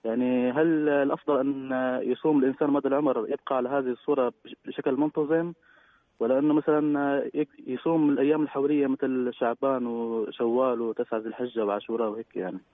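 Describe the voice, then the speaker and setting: Over a telephone, a man phones in with a question, sounding thin and dry with no echo. His mid-range voice stays fairly even in intonation as he rushes along politely, tripping over words and leaning on frequent "uh" fillers.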